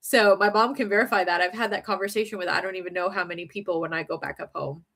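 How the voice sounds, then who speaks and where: Talking fast at a middle pitch, a woman from the northern United States with a slight Southern accent hosts a relaxed livestream, chatting with viewers in a rambling way. Her talk is full of ums and little giggles.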